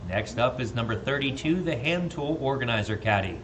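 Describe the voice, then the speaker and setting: Male auctioneer on a live stream; steady repeated bid chant, friendly asides, light noise underneath. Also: medium pitch, fairly quick.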